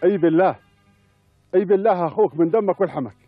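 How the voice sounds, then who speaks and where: Grave Bedouin man, raspy and quick, emphatic Bedouin Arabic, TV drama. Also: sits high, dry recording. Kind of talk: Bedouin television drama acting. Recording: dry, muffled, faint music.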